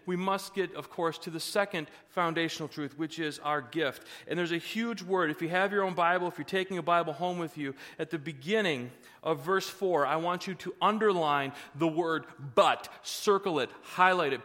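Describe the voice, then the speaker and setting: A middle-aged man delivers a sermon with emphatic force, slipping into wry jokes and rising to shouts. His voice is bright and sits high. The sound carries the long reverb of a large hall. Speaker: pastor.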